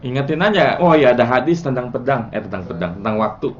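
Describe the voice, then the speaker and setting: A man teaching a casual class, quizzing his students and chanting word patterns in a relaxed, chatty way. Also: mid-range voice, fast, highs cut off, slight background noise. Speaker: Arabic morphology teacher.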